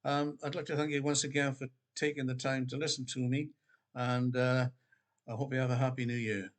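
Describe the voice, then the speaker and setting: An older man from Wales, an author casually talking about his books in a relaxed, rambling way with many pauses and restarts. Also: medium pitch. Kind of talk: casual spoken book promotion. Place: Queensland, Australia.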